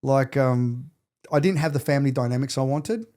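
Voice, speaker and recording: Mellow and mid-range, this Adelaide native in his late forties speaks at a moderate pace. As a guest on a podcast, he talks casually in an interview, being frank and poking fun at himself.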